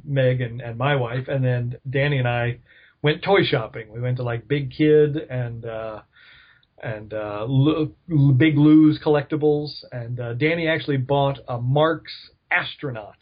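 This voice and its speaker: Husky man, easygoing podcast chat. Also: medium pitch, highs cut off. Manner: easygoing, quick with jokes. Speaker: podcast co-host. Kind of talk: casual chat.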